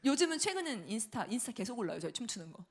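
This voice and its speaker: A middle-aged woman giving a sermon testimony in a church, telling her story with lively asides and acted-out quotes. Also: fairly high pitch, rapid-fire, slight background noise. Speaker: preacher. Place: church sanctuary.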